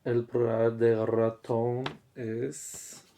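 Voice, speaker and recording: A man teaching a language class at an unhurried, very slow pace. His voice sits in the middle range, neither high nor low. He repeats each example patiently and keeps checking that his students follow. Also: little pitch movement, warm tone, a little hiss or hum. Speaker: Spanish teacher.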